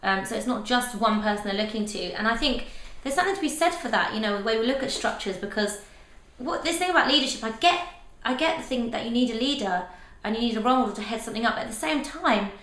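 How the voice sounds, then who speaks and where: A woman co-hosting a casual discussion, talking in an animated way and thinking aloud. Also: on the high side, fast talker. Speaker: co-host. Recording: roomy echo.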